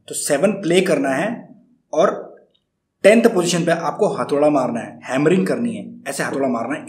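A male guitar teacher with a slightly raised voice talks viewers through each step in a friendly, patient way. The room rings noticeably around him. Soft guitar sits underneath his words. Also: a little high. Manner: friendly, repeats "ठीक है" constantly, counts strums aloud. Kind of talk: casual guitar lesson. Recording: roomy, guitar playing along.

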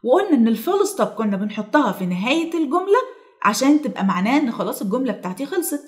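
Lively Egyptian teacher drilling phonics. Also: female voice, high-pitched, racing. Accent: Egyptian Arabic. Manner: lively and encouraging, drawing words out for children to repeat. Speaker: English teacher. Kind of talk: children's phonics lesson.

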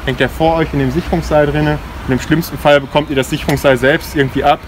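Young guy, slightly high voice, explaining safety stuff casually outside, noisy bg w/ gear clinking. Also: steady tone, quick pace. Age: 20s. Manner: informal, explanatory. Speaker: climbing park safety instructor. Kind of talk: spoken safety briefing with demonstration. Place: outdoors in a forest ropes course. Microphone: camera mic a few steps away. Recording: clear outdoor noise, passing vehicles, clinking gear.

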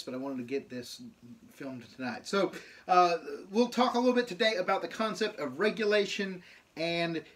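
A man's voice: high voice, fairly bright tone. Folksy man teaching from home. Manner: folksy, joking, many fillers and restarts. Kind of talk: casual home video lesson.

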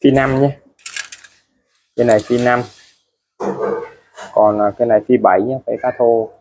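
A man's voice: medium pitch, fairly even intonation, normal speed, darkish tone, a little hiss or hum. A man showing used tools for sale in a casual way, chatty and repetitive, restating prices again and again. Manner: chatty, ends phrases with friendly particles. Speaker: used tool seller. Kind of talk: casual product showcase.

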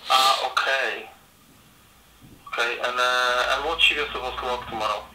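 A man's voice: medium pitch, fairly even intonation, moderate pace, background noise. Male worker on the phone, sceptical questioner, coming through a speakerphone in an echoey room. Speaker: fast-food worker answering the phone. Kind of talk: phone conversation. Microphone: phone speaker picked up by camera.

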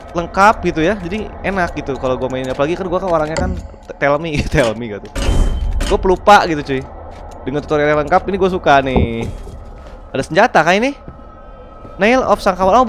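A young man giving excitable, slangy let's-play commentary as a gaming YouTuber, reading game text aloud. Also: on the high side. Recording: music playing behind.

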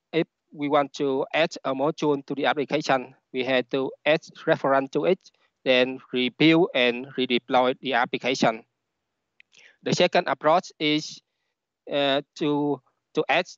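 A man with a Vietnamese accent, a native Vietnamese speaker, giving a halting technical presentation over a headset on an online call. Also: medium pitch, no echo. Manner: halting, with repeated words. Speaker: conference speaker, software engineer. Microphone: headset on a video call. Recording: dull, lo-fi online call audio.

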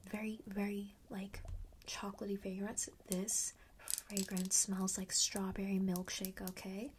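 Playing the keeper of a witchy fragrance shop, an ASMR performer delivers a whispered, breathy sales pitch that's mostly unvoiced, with a mid-range voice and background noise. Chatty and coaxing, she stays friendly and persuasive, frequently checking on the listener she's selling to.

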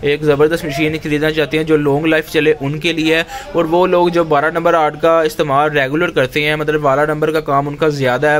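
Chatty shopkeeper man demoing a machine. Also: a little high. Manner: conversational, repeats "theek hai" as a filler. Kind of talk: product demo vlog. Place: workshop or tool shop, indoors.

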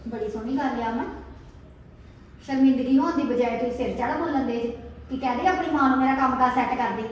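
A woman playing a furious young wife, very high voice. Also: fast, a little hiss or hum, natural voice. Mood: bitter. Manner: reproachful, sharp, repeats herself. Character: angry young wife confronting her lying husband. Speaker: wife in a family drama. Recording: echoey room from a distance.

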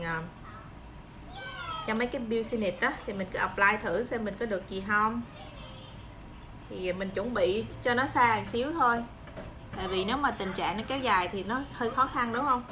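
Southern Vietnamese woman chatting over background noise. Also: mid-range voice. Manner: encouraging, reassuring. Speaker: livestream host. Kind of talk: casual chat to viewers while eating and preparing fruit. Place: small room indoors. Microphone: phone propped at arm's length. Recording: clear background noise, phone video.

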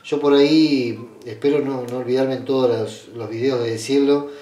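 A man with an Argentine accent guiding viewers step by step through a ritual in an unhurried, hesitant way, with many fillers and restarts. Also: medium pitch, steady tone, mellow. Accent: Argentine Spanish. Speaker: spiritual ritual guide. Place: small indoor room at a red-draped altar table. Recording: roomy, distant camera sound.

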